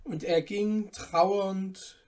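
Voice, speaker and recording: A woman reading a fairy tale aloud in a calm, measured storytelling manner. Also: medium pitch. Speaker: narrator.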